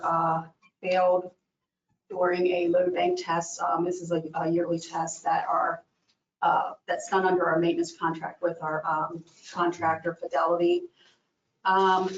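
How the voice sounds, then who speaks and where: A woman's voice: on the low side, slight background noise. A woman from a county maintenance department explaining an equipment failure to commissioners, with many fillers. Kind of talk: presenting a request at a public meeting. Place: county meeting room. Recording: distant, echoey, dull room audio.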